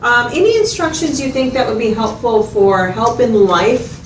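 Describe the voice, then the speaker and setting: In a role-played client interview, a woman plays a patient mental health facilitator, calm and methodical, asking checking questions and summing up with hesitant phrasing. Her fairly high voice moves at normal speed and sounds close to everyday speech. The mic is distant in a roomy space with loud background noise.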